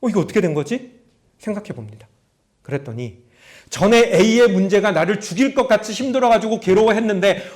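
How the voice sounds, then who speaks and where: A middle-aged male pastor preaching a sermon, telling stories, acting out prayers and asking his congregation questions. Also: very high voice. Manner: storytelling preacher, acts out prayers in a raised voice; talks to the congregation directly, asking them questions.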